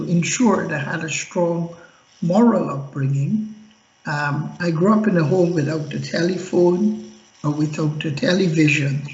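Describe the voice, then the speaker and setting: A Guyanese man appears as a guest on a radio panel and gives an earnest, speechlike self-introduction about his background. His voice sits fairly high with a darkish tone, carried over an echoey, dull lo-fi line.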